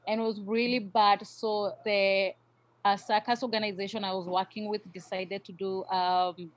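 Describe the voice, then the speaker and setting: A woman in her thirties with a Kenyan accent chats as a podcast guest. She talks in a relaxed way, pausing often to find her words. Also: medium pitch, slight background noise, rough recording. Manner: relaxed, many "uh" pauses. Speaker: podcast guest, yoga teacher trainer. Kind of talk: casual interview chat.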